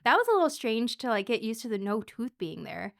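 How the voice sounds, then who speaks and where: Lively, slightly high-voiced woman guest. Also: brisk, gravelly. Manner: animated storyteller, laughs often. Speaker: dental hygienist guest. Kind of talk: casual podcast conversation.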